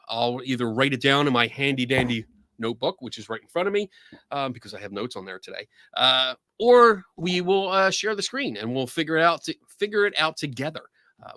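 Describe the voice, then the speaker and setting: A man with a Philadelphia accent hosting a livestream show in a casual, excitable way, often laughing. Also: mid-range voice, no echo, studio quality. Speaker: podcast host.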